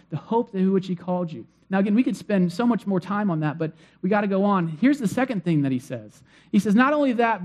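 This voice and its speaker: A man's voice: high voice, darkish tone. A man preaching a sermon in a conversational way, with frequent fillers and restarts. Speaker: pastor.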